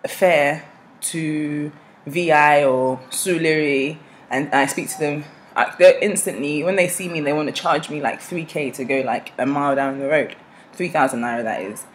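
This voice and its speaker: A woman's voice: sits low, slight background noise, poor audio. A young woman with a South East London accent, chatting casually to camera in a playful way. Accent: South East London English. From born in Nigeria, raised in South East London. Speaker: vlogger.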